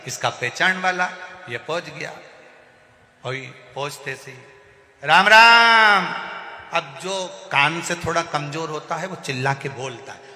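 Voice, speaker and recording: Bright-voiced preacher, echoing hall. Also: male voice, fairly high pitch. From Madhya Pradesh. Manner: animated storytelling with laughs. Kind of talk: devotional story sermon. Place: large religious gathering. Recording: echoey hall, faint music.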